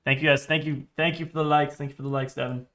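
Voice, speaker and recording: A man's voice: on the high side, fairly even intonation, fast talker, a bit bright. A man in his twenties giving casual live trading commentary, restless and sweary, muttering to himself as he goes. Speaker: day trader livestreamer.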